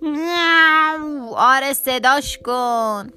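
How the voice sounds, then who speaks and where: A woman voicing a hungry, gullible male cat in a children's storybook, with drawn-out meows and a slow, loud delivery. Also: sits high, expressive, faint music behind. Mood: greedy.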